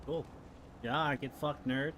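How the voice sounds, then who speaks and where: A man's voice: mid-range voice, steady tone, slow. A man streaming a tank battle game live, chatting to viewers and swearing at the game. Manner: swearing, frustrated outbursts at the game. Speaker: gaming streamer. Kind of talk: live gameplay commentary. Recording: faint game noise behind.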